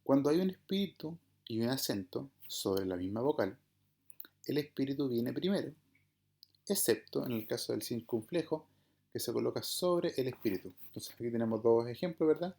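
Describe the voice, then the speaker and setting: A man teaching an online class in a dark, mellow voice at a middling pitch. His comes through as he explains each point step by step. He keeps checking that his listeners follow him. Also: animated, moderate pace, creaky. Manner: patient, explanatory, checks understanding with "¿verdad?" and "¿bien?". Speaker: Greek teacher.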